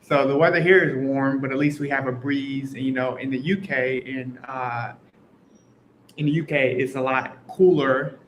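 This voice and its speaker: A man's voice: mid-range voice, steady tone, normal speed, slight background noise, low-quality recording. A man from Houston, Texas, a guest in a casual interview, easygoing and often saying "you know". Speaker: guest, YouTuber.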